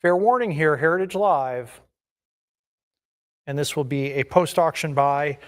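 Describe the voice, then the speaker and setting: A man's voice: fairly high pitch, a little slow. A man working as an auctioneer, calling bids in a repetitive chant of numbers and increments.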